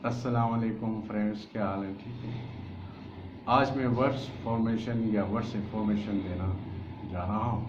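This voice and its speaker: A man giving a casual spoken English lesson, explaining slowly and haltingly and spelling out letters one by one. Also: on the low side, fairly even intonation, noisy background. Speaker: English teacher. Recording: echoey, dull room recording.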